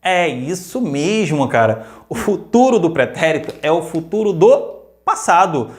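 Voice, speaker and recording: A man with a Brazilian Portuguese accent teaching a grammar lesson, lively and repeating examples slowly while checking in with questions. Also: fairly high pitch.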